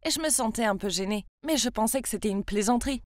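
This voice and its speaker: Young woman narrating, fairly high voice. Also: fast, no echo, clean studio sound. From France. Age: 20s. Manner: confiding, chatty storytelling. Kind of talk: scripted first-person story narration.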